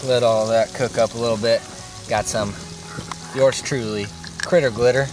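A man's voice: mid-range voice, fairly even intonation, normal speed, poor audio. A man, giving a folksy, laid-back cooking demo to the camera on a riverbank. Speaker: host. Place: outdoors on a gravel riverbank. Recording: music playing under the voice. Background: background music.

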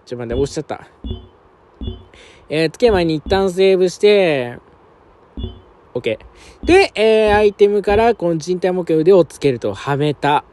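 A young man doing casual let's-play commentary at home, talking roughly to himself and his viewers with quick chuckles. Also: high voice, lively intonation, a little mellow. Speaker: game streamer. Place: apartment room at night, keeping his voice down.

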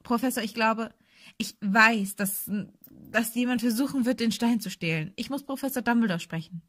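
A woman's voice: a little high, normal speed, a bit bright, no room sound, clean studio sound, pitched above the performer's own voice. A woman doing an urgent young schoolboy. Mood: urgent pleading. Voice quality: urgent, pleading. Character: brave, desperate young schoolboy wizard.

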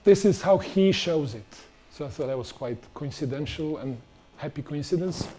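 A man's voice: a little high, animated, normal speed, mellow, slightly rough. A middle-aged man giving a conversational conference talk on stage in a large auditorium, putting questions to the audience. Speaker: conference speaker.

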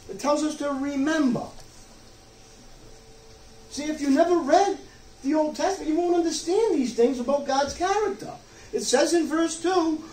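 A pastor in his sixties preaches emphatically from a church pulpit in a very high-pitched, slightly mellow voice. He fires off rhetorical questions and keeps checking in with lines like "okay?" and "you see?", captured by a roomy, distant mic with some background noise.

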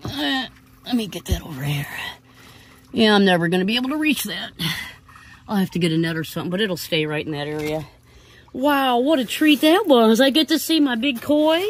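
A woman who runs a koi farm, talking casually outdoors by a pond, gushing and cooing to her fish as she works. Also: a little high.

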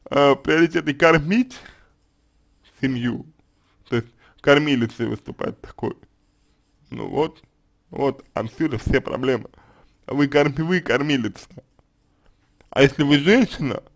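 Calm, hesitant man giving advice. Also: a little high. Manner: hesitant, many fillers and restarts. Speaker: consultant answering a question. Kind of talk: unscripted spoken advice.

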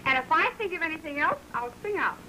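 Young working-class American woman, playful, slangy, very animated, early film acting, noisy soundtrack. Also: high voice, quick pace. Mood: playful, chatty. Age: young adult. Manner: slangy, chatty.

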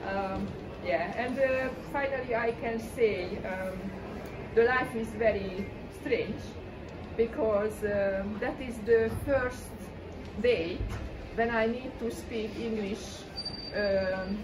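A woman in her forties from Hungary with a Hungarian accent, talking about her paintings in a halting way with many fillers. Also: on the high side. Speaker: exhibiting artist. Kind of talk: informal gallery talk. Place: small gallery room with pictures on the walls. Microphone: far camera. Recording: distant mic with room noise.

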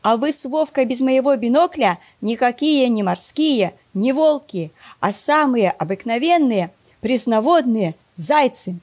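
A woman voicing a stubborn, teasing older brother in a children's story, in a raised, louder voice. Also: a little high, animated, unhurried, hardly any pauses. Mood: jeering.

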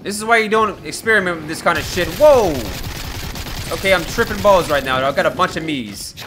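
A man giving excitable, profane, joking commentary while playing a game, with game music and gunfire mixed in. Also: high-pitched, fast talker, noisy background. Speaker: gamer. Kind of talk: gameplay commentary.

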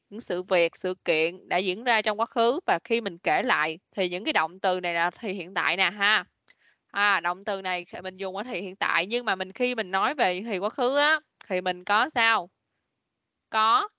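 A woman runs an online English class in a bright, clear voice, patiently prompting her pupils. The sound is dry and a little dull, like a call picked up by a computer mic. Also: medium pitch, no echo. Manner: patient, prompting, mixes English words into explanations. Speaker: English teacher. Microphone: computer mic on a video call.

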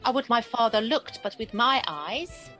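A woman's voice: fairly high pitch, expressive, normal speed, pushed and bright, soft background music. A woman acting a defiant young maiden in a Shakespearean radio play, earnest and formal. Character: defiant young maiden pleading her love.

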